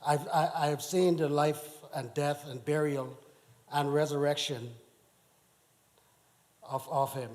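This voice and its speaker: Man from the Bahamas, church testimony, slow halting delivery, somewhat high voice. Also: steady tone, a little mellow. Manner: slow, halting, with many restarts. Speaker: church member giving testimony. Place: church sanctuary.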